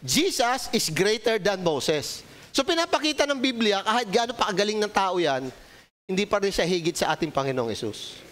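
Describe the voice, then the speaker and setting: A man's voice: high-pitched, animated, quick pace, fairly bright tone, rough recording. A man with a Filipino accent preaching an interactive Sunday sermon, calling on members by name and joking with them. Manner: calls on congregation members by name, jokes, asks questions; polite Tagalog with frequent po and ho. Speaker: pastor.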